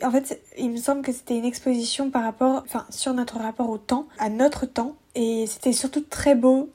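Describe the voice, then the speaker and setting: A young woman with a soft, mellow tone and a slightly high voice. She talks in a relaxed, chatty way, full of little fillers and restarts, as she shares her travel tips. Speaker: travel podcaster. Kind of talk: casual travel recommendations.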